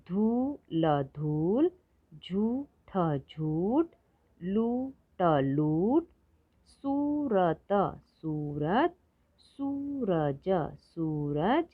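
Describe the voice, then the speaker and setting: A woman with a somewhat low voice teaches young children, explaining briefly before stretching each word out slowly for them to repeat. The recording is dull and lo-fi, with little crispness at the top. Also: dry recording. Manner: quick explanations, then words drawn out slowly for repetition. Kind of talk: Hindi phonics lesson for children.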